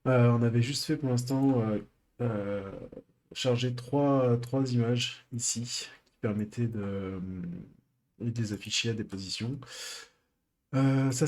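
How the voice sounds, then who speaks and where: A man streaming a live coding session, thinking aloud with many pauses and fillers. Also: mid-range voice, a little mellow.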